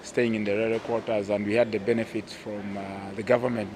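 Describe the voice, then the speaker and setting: Man, Ugandan accent, low pitch, halting with fillers, outdoor interview, noisy background. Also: flat delivery. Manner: hesitant, many fillers and restarts. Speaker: national team goalkeeper and captain. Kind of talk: casual interview. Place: outdoor poolside terrace. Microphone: handheld mic. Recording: outdoor ambience behind voice.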